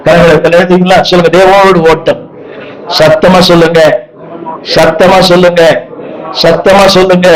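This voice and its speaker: A man preaching a sermon to a gathering, repeating his phrases and urging the crowd to say them back loudly. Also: high-pitched, rough recording. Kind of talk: sermon with call-and-response.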